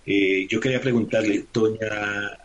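A man's voice: lowish voice, steady tone, unhurried, highs cut off. A man with a Colombian accent interviewing in a casual, informal way, often checking with short tag questions. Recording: noisy remote call with clicks.

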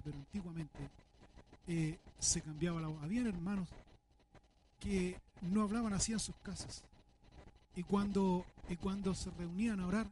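A man's voice: high voice, a little mellow, a little hiss or hum. A man preaching a sermon, earnest and full of rhetorical questions. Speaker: pastor.

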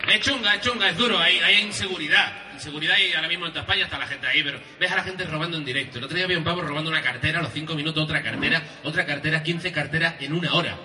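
A man's voice: fairly high pitch, racing, few pauses, bright, forceful tone, roomy sound, recorded from a distance, a little hiss or hum. A man from Andalusia with an Andalusian accent doing a rambling, crude, self-mocking stand-up routine. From Andalusia, Spain. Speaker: stand-up comedian. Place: live comedy venue. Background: audience laughter and applause.

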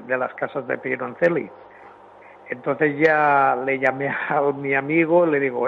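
Faint phone-held-away man, gravelly. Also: medium pitch. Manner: halting, restarts his sentences often. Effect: faint phone line, as if the phone is held away from his mouth. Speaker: radio caller, photo collector. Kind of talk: casual phone chat, rambling storytelling. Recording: tinny phone line with faint noise.

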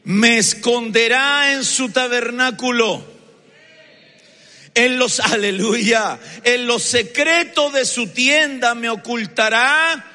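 A man's voice: extremely high pitch, slow, bright, forceful tone. A man preaching a sermon as pastor, with an emphatic and fervent delivery, recorded in a reverberant church hall. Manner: emphatic, rising to fervent exhortation.

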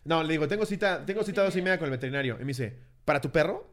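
A man's voice: a little high, racing. A man with a Mexican accent, co-hosting a comedy podcast, telling stories with swearing and mimicked voices. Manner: animated storyteller, swearing, mimics others. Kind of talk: casual comedic chat.

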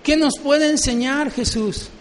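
High-voiced man preaching in a hall. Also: unhurried, slight background noise. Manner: asks the congregation questions. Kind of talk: sermon.

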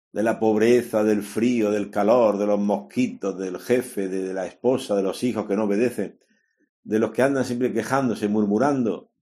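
Male preacher, sermon, mellow and warm tone, exhorting with rhetorical questions. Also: medium pitch. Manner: exhorting, rhetorical questions, acts out quoted voices.

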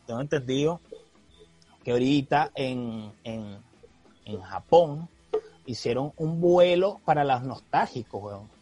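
Man, laid-back slangy podcast chat, slightly high voice, dry close sound, faint music. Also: a little mellow, breathy edge, no echo. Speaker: podcast co-host. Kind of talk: casual chat.

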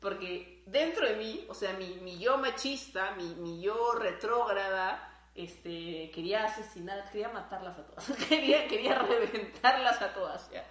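A young woman, co-hosting a podcast in casual chat, animated and swearing freely. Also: medium pitch, moderate pace. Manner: animated, swears freely, acts out her own thoughts. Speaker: podcast co-host. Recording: roomy echo.

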